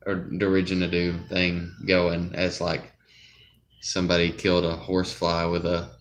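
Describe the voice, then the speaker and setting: A man's voice: sits low, monotone, unhurried, slight background noise. A young man with a Southern US accent, rambling in casual live-stream chat and drifting off topic. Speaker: livestreamer.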